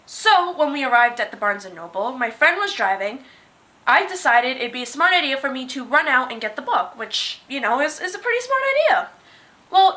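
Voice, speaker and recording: A high-voiced young woman tells a story-time vlog to her camera. Her tone is bright and sharp, and she talks with animated, dramatic flair. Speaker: vlogger.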